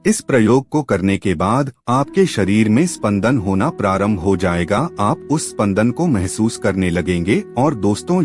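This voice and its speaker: Lively-voiced man narrating devotional advice. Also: fairly low pitch. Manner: earnest, instructive, addresses viewers as friends. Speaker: spiritual channel narrator. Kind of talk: scripted devotional voice-over.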